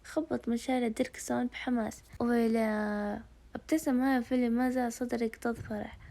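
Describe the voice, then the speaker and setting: Fast-talking woman reading a novel. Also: fairly high pitch, level tone, warm tone. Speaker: narrator.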